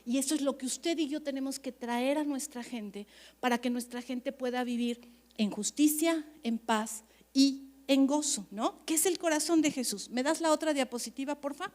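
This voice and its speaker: A woman pastor, preaching at a leaders' conference in an animated, chatty way, often checking that the audience agrees. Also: high voice, moderate pace.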